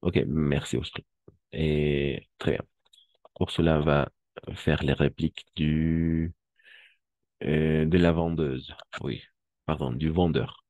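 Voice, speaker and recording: A male language teacher with a very low, dark voice who talks slowly and patiently. He repeats words and corrects pronunciation. The sound is dry and close. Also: fairly even intonation, no room sound, lo-fi sound. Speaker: French teacher. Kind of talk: language class instruction.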